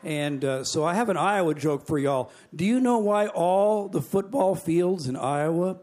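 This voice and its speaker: Middle-aged man, after-dinner speaker, folksy joke-teller, somewhat high voice. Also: expressive, measured pace, darkish tone. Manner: folksy joke-telling with chuckles. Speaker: convention speaker. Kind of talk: after-dinner jokes and speech. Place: banquet hall.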